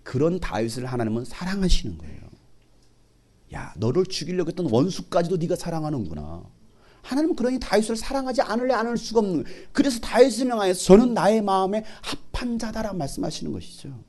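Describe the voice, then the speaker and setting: A man's voice: high-pitched, sing-song, fast talker, a little mellow. A middle-aged man preaching a sermon, asking the congregation questions and joking with them. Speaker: pastor.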